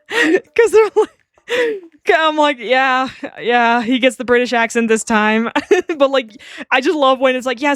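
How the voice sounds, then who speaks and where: A woman's voice: on the high side, clear, resonant tone, dry recording, studio quality. A woman streaming a game, chatting in a rambling, giggly way and swearing freely. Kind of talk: live-stream game commentary.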